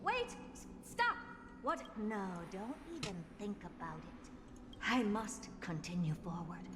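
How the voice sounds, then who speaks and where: The Herta, haughty genius in long reverb. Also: female voice, mid-range voice, huge pitch swings, measured pace. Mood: alarmed, defiant. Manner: imperious, theatrical, dry. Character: haughty, brilliant female scientist, exasperated and self-assured. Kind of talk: video game voice acting. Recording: long reverb, noisy stream game audio.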